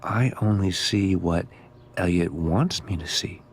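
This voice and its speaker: A man playing a creepy, cryptic, gently philosophical school groundskeeper in a video game, with a slow, ominous drawl. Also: low-pitched, slight background noise. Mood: cryptic, probing. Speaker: groundskeeper character.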